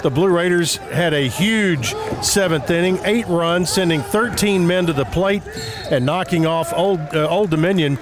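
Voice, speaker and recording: A man's voice: high-pitched, moderate pace, noisy background. A man hosting a local radio sports report, reading scores and schedules in an announcer's delivery.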